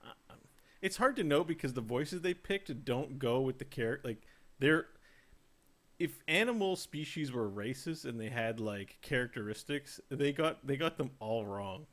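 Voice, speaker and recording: A man's voice: medium pitch, animated, a little slow. A man hosting a casual livestreamed gaming podcast, rambling and joking as he draws out his setups. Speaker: podcast host.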